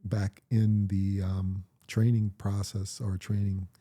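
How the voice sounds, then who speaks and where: This middle-aged Jamaican father, speaking with a Jamaican accent, is interviewed by his daughter in a casual chat. His lowish voice is mellow with a flat delivery, and he tells his stories reflectively and at a measured pace.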